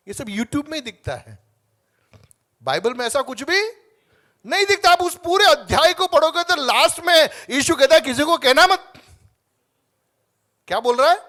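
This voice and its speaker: A man preaching a fervent sermon as pastor, moving from quiet asides to loud calls for the congregation to answer back. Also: extremely high pitch. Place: church hall.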